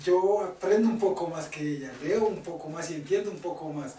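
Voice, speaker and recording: A man speaks with wry good humor among a church group. He sounds distant and roomy, with clear background noise around him. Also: a little high, brisk, mellow. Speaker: church cell group member. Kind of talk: casual group discussion.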